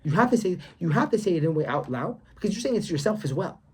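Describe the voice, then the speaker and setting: A man's voice: high-pitched, big pitch swings, racing, a little mellow, husky. Emphatic young man preaching casually. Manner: emphatic and preachy, repeats himself, slangy. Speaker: vlogger. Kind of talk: casual faith vlog monologue.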